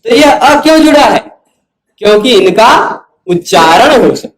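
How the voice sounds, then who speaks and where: Guy teaching grammar, slow and patient, keeps asking if u follow, kinda echoey. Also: high-pitched, animated. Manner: patient, repeats syllables slowly, asks students questions. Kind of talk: explanatory lecture.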